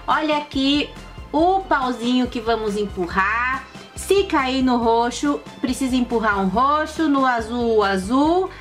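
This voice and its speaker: A woman with a high, bright voice presents games to children in a sing-song, exclamatory way. She takes her time over the words. Soft music plays behind her. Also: measured pace. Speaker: host of a children's toy and game channel. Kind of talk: playful commentary for children while playing board games.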